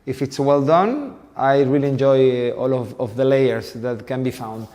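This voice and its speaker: Man in his 40s, guest dance teacher, interview answers, searching for words, medium pitch, long hall echo. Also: a little slow, mellow. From Venezuela. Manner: thoughtful, searching for words in a second language.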